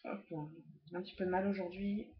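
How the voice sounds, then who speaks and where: A woman's voice: medium pitch, level tone, fairly quick, dull audio. A woman casually reviewing makeup brushes, hesitant and chatty with many fillers, recorded at home on a laptop webcam. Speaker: beauty vlogger.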